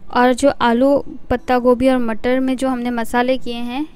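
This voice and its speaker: A middle-aged woman hosting a cooking show, calmly explaining each recipe step and listing the ingredients one by one in a voice-over. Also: on the high side, normal speed, clear, resonant tone.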